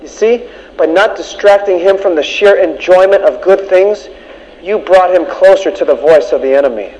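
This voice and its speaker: A man's voice: high-pitched, normal speed, a little mellow, long reverb tail, lightly acted. A man voicing a scheming senior male devil who lectures a junior devil in a scolding tone. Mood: chiding. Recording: dull lo-fi recording.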